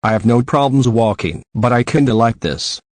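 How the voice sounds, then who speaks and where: A man's voice: mid-range voice, animated, normal speed, no room sound, natural voice. A man reading the part of an easygoing young male wanderer who talks casually.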